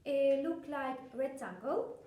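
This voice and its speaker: High sing-song woman, children's craft presenter. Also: expressive, takes it slowly. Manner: bright, sing-song children's-entertainer delivery with simple encouraging phrases. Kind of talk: step-by-step craft demonstration for young children. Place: indoor craft room, seated at a table. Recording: echoey room, distant mic, background noise.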